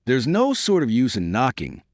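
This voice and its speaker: A man reading aloud and voicing a stolid, indifferent frog footman who speaks in a flat, solemn, matter-of-fact way. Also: mid-range voice, normal speed, dry recording, voice pushed up. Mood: deadpan.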